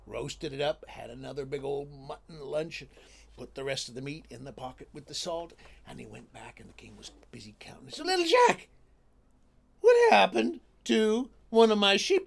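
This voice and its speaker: A man telling a folk tale in a folksy, drawling, animated way. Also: mid-range voice, vocal fry. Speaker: storyteller.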